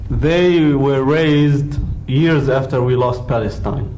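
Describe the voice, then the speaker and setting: A man's voice: mid-range voice, takes it slowly, mellow, roomy sound, a little hiss or hum, low-quality recording. A man answering interview questions in a firm, direct way.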